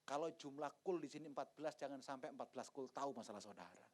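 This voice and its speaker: A man in his fifties from Indonesia, a pastor telling stories in a sermon, swinging from hushed asides to loud exclamations and acting out the dialogue. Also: mid-range voice, lively intonation, quick pace. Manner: acts out dialogue in different voices. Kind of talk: sermon with personal testimony.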